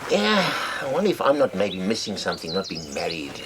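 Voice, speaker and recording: Animated, simple South African petrol attendant. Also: male voice, low voice, a little fast, noisy background. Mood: wistful. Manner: hesitant, chatty, tags sentences with "eh" and "you know". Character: amiable, simple-minded, wistful male petrol attendant. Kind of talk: naturalistic screen comedy acting. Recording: music behind the dialogue.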